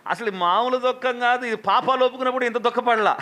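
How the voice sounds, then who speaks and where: A man preaching a lively sermon as a pastor, questioning the congregation and acting out quotes. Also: extremely high pitch, fast.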